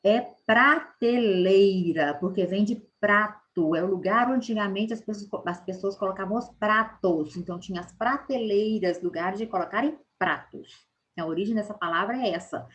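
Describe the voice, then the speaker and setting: A woman's voice: mid-range voice, a bit bright, a little hiss or hum. Patient woman teacher stressing each word. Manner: explains patiently, ends phrases with "tá?"; slows down to stress key words. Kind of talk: recorded spelling lesson.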